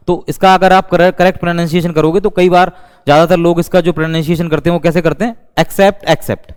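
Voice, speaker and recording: Indian man teaching with hall reverb. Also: a little high. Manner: repeats words, mixes Hindi and English. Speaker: English teacher. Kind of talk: explanatory lecture.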